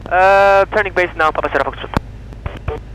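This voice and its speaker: Over a headset boom mic, a solo pilot in his twenties works through checklists, radio calls, and commentary in the cockpit of a small propeller plane, both taxiing and airborne. He has a high voice and speaks at a measured pace. The steady hum of the light aircraft engine runs under the headset audio.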